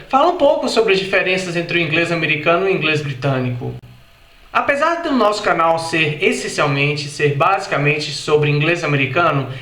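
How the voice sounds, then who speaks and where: A man with a Brazilian Portuguese accent giving an explanatory video lesson, repeating example words slowly and carefully. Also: high-pitched, pushed and bright, echoey room. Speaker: English teacher.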